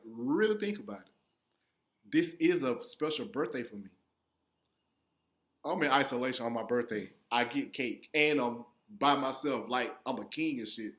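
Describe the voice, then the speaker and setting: A young man telling a profane stand-up story, acting out his younger self in sudden high squeaky voices. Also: a bit bright. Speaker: stand-up comedian.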